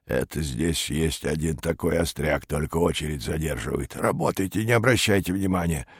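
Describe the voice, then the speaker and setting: A frail, know-it-all old man over 60, as an audiobook reader puts him on, muttering low and quiet, pitched below the reader's own voice. The storybook reading has a dry, close sound. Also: moderate pace, slightly rough, dry recording, full character voice. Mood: grumbling.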